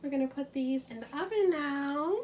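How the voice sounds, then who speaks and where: High-voiced mom vlogging in her kitchen. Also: normal speed, darkish tone, a little hiss or hum. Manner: chatty, guides a child through baking. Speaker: vlogger and mother. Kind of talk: casual vlog chat. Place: home kitchen.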